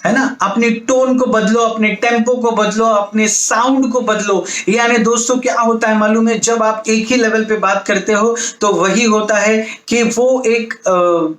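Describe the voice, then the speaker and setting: A man's voice: high-pitched, steady tone, a little slow, hardly any pauses, a bit bright, reverberant. A male business coach giving an emphatic motivational lecture, asking the audience rhetorical questions.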